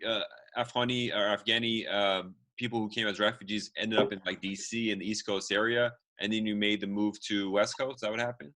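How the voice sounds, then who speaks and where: A man's voice: fairly low pitch, steady tone, brisk, few pauses, bright, forceful tone. A man hosting an interview podcast, an immigration lawyer, talking in a chatty, rambling way. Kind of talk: casual interview talk.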